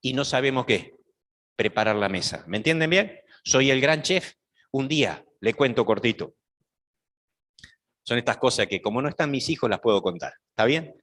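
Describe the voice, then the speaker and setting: A man's voice: medium pitch, lively intonation, moderate pace, a bit bright. A middle-aged man, preaching a sermon and putting rhetorical questions to his congregation. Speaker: pastor. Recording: hall reverb.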